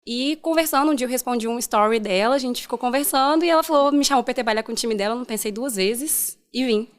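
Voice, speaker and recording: A woman from Minas Gerais, Brazil, speaking calmly and in a measured way as a podcast guest. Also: fairly high pitch. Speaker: content producer. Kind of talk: casual podcast chat.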